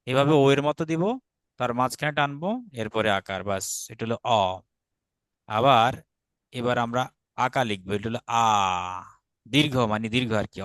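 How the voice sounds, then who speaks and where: A man's voice: medium pitch, a bit bright, no room sound. Patient Bangladeshi male Sanskrit teacher. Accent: Bangladeshi Bengali. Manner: patient, checks understanding often. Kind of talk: online grammar class.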